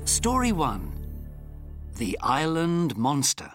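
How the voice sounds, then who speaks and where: A man's voice: fairly high pitch, wildly swooping pitch, takes it slowly. A man announcing titles and sections of a scripted children's audio lesson. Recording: loud music behind announcements.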